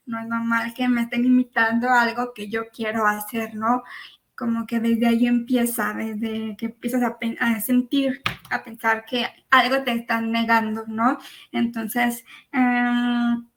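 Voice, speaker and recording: A woman's voice: fairly high pitch, fairly bright tone. A woman speaking as a panelist, reflective, posing questions to herself as she explains. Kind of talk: online panel discussion.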